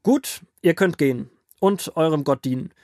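A man's voice: fairly high pitch, normal speed, no room sound, studio quality, close to an everyday voice. A man voicing a furious, commanding pharaoh. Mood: angry. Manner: loud, commanding, shouting threats. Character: angry proud male Egyptian king. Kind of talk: audio Bible drama for children.

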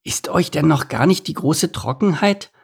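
A man's voice: on the high side, expressive, normal speed, gravelly, husky, pitched above the performer's own voice, exaggerated voice. A man voicing a small, earnest young male ground squirrel who sounds a little unsure of himself.

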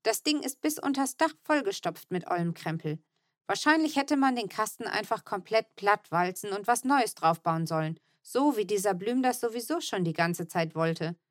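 A woman's voice: medium pitch, animated, moderate pace, no room sound, studio quality, natural voice. A woman reading an audiobook, voicing Manne, a fussy grown man who grumbles about money and gets carried away with his ideas. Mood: ranting. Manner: fussing and exclaiming.

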